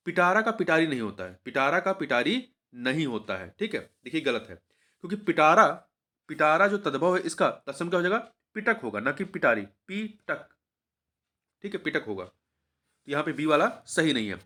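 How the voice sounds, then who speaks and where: Higher-voiced man explaining exam answers. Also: big pitch swings, normal speed, pushed and bright. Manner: repeats each answer, quizzing the viewer. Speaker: teacher.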